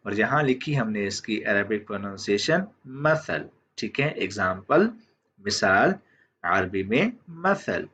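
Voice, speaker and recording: A man teaching vocabulary, who says each word and then says it again slowly, often checking in with "theek hai". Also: lowish voice, animated, fairly bright tone, breathy edge. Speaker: language teacher. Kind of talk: slow vocabulary lesson. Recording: dull lo-fi audio.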